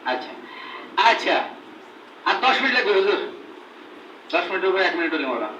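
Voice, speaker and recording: High-voiced man drilling a class. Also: sing-song, a little fast, pushed and bright, muffled recording. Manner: repeats questions, drills a group. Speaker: Quran reading teacher training instructors. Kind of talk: classroom drill with call and response. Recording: echoey room, mic far off, noisy.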